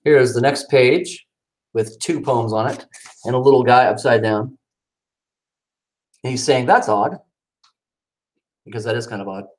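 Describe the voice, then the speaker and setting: Unhurried and pausing often, a man chats casually at home about his cat before switching to a dramatic reading of his own poems, his pitch swinging widely.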